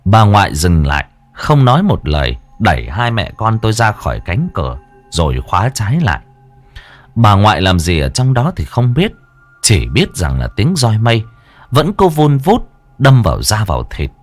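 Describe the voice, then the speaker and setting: Low-voiced man narrating a ghost story. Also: huge pitch swings, moderate pace. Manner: dramatic, tense storytelling with wide swings in pitch. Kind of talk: scripted horror story narration. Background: faint background music.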